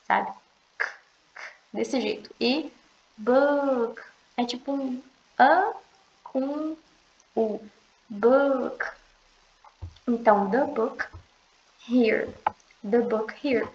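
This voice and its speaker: A young woman teaching an online language lesson, explaining patiently and repeating slow, drawn-out pronunciation examples. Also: fairly high pitch, gravelly. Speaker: English teacher. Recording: echoey room, dull lo-fi sound.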